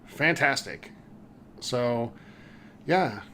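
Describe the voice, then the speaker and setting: A man's voice: medium pitch, lively intonation, drawn-out words, sharp tone. A man hosting a casual podcast chat, upbeat, leading the talk and putting questions to his co-hosts. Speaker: podcast host.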